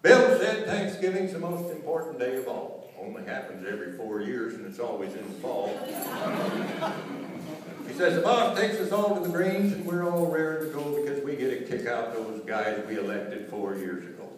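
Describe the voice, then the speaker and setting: A man's voice: mid-range voice, lively intonation, moderate pace. Guy doing live cowboy poetry in a folksy drawl, really echoey room, voice swings up and down a lot. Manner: theatrical rhyming storyteller delivery. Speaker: cowboy poet performing on stage. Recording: roomy echo, distant mic, faint noise.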